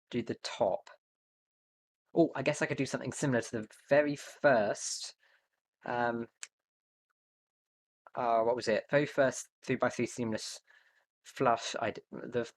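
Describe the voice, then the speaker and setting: A man's voice: medium pitch, a little slow, pauses often. A young man streaming live, thinking aloud as he builds, hesitant and muttering to himself with many fillers. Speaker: livestreamer.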